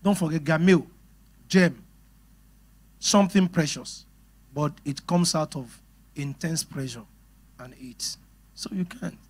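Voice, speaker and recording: A middle-aged Nigerian English-accented pastor preaches a sermon on marriage, speaking straight to his congregation with animation and frequent laughter. His voice is fairly high and slightly rough, and he talks slowly with many pauses.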